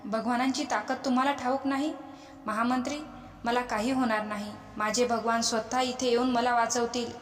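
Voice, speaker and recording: Lady doing a soft calm little devotee boy, steady, echoey room. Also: fairly high pitch, normal speed, slight background noise, close to an everyday voice. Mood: determined. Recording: echoey, long reverb.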